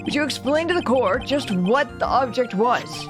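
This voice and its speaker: A woman voicing a very old male judge reading video game courtroom dialogue, formal and measured. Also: a little high, animated, music in the background, pitched above the performer's own voice, natural voice. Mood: solemn, formal. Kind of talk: video game voice-over read-along.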